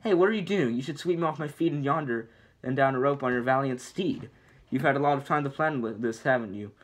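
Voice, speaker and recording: A man's voice: medium pitch, quick pace, close to an everyday voice. A man voicing a prim young princess with dramatic, old-fashioned phrasing, reading a film script aloud. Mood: indignant. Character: prim fairy-tale princess, young woman.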